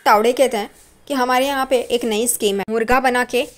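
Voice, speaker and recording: A woman retells a TV serial episode in casual, brisk storytelling. Her voice sits slightly high and moves steadily through the plot. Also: steady tone. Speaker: serial recap narrator.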